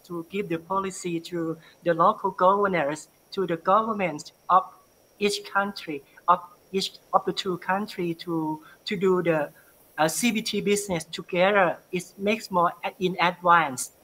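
A man from northeastern Thailand with a Thai accent, a university lecturer presenting his research and answering questions on a video call, halting and repeating words as he searches for them. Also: high voice, sharp tone, slight background noise, low-quality recording. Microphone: video call webcam.

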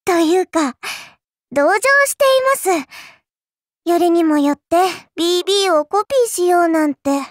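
A tiny girl AI servant from an anime mobile game talks in a very high, childlike voice at a normal speed. Her phrasing is sweet and polite, yet prim, smug, and appraising. The recording is dry with no room sound.

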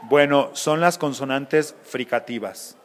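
A man, a voice teacher explaining pronunciation in a measured, didactic way. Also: medium pitch, in a large hall. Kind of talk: explanatory interview answers.

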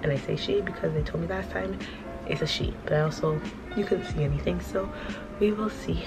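A young woman recording herself in a car, excited and a little out of breath. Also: fairly low pitch, a little fast, music in the background. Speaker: vlogger. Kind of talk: casual vlog chat. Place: inside a parked car.

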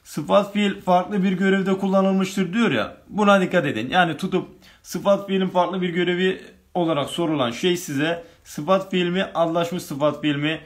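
A man's voice: high voice, fairly even intonation, normal speed. A male teacher running an online grammar lesson, reading exam questions aloud and working through each answer step by step with his students.

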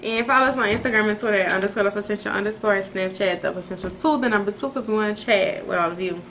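A woman's voice: medium pitch, rapid-fire, fairly bright tone, slight background noise. A young woman, chatting playfully as co-host while eating. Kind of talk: casual chat while eating.

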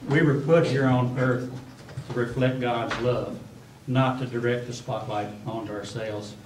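A man playing a folksy, steady country cousin in an amateur church play, speaking slowly. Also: medium pitch, background noise, lightly acted. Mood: calm. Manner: slow, plain-spoken, preachy. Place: church hall stage. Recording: roomy hall, mic far off.

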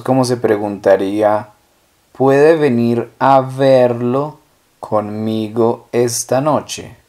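A man teaching a language lesson at an unhurried, deliberate pace. His voice is dark and mellow, and he stretches out each model word before saying it again. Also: medium pitch. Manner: patient, drawn-out model words. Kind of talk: slow language lesson with repeated examples.

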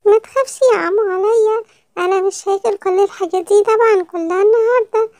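A woman's voice: fairly even intonation, quick pace, dark tone, no echo. A woman voicing a greedy little boy monkey with an Egyptian Arabic accent, whiny and childish in a children's storybook. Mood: pleading. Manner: whiny, wailing, squeaky childish voice.

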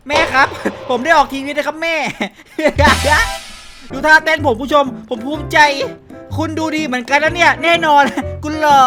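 A man giving playful, excitable gameplay commentary, laughing often and using crude slang. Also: very high-pitched. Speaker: gaming YouTuber. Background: background music.

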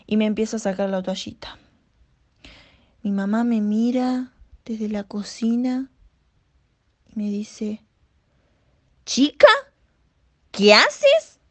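Slow-paced Argentine woman telling a dramatic monologue. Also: mid-range voice, steady tone, warm tone. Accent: Argentine Spanish. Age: young adult. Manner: slow, theatrical storytelling. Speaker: acting student.

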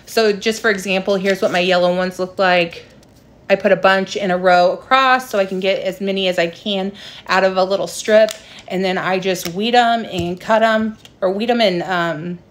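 Young adult woman, medium-pitched voice, chatty, informal, explanatory, casual craft tutorial livestream. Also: steady tone, normal speed. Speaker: livestream host, craft seller. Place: small room indoors at home. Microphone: phone propped at arm's length.

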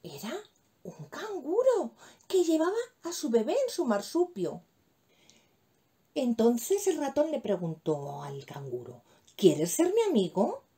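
A woman from telling a children's story as a preschool teacher, reading expressively and playfully with hushed asides to the children. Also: high voice, very animated, slow, breathy edge.

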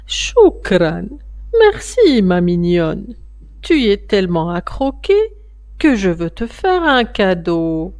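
Storybook ogress, old and scheming, sweet-talking then menacing, slow and swooping, voiced by a woman reader. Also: medium pitch, sing-song, darkish tone, dry recording, studio quality. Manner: wheedling then menacing, drawn-out words.

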